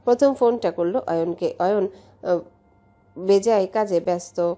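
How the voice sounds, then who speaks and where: A woman from Bangladesh narrating a romance story in a steady, measured way. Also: mid-range voice. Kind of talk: audiobook story reading.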